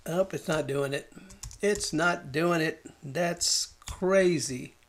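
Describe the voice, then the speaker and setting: Man with a gravelly voice, talking through a design tutorial. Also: on the high side, slow. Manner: thinking aloud, muttering at the software while working. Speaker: design instructor. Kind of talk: screen-recorded software tutorial.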